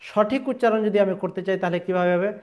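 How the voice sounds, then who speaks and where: A man with a slightly high voice gives a slow, patient pronunciation lesson. He sounds out each letter again and again, stretching the vowels and checking that the listener understands. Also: darkish tone. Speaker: Quran recitation teacher.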